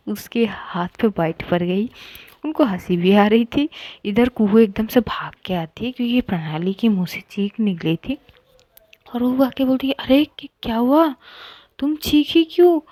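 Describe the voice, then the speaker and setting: A woman's voice: medium pitch, darkish tone, no echo. A woman narrating a romance story in a casual, conversational way, with self-corrections along the way. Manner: conversational, with restarts and fillers.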